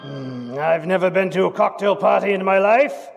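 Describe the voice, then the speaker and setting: A man's voice: sits high, normal speed, creaky, loud music behind the voice. A man playing an imperious, grumpy gourmet detective in a live old-time radio drama, curt and commanding. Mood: grumbling. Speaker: stage radio actor. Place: historic courthouse, live on stage. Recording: long reverb of a courthouse hall.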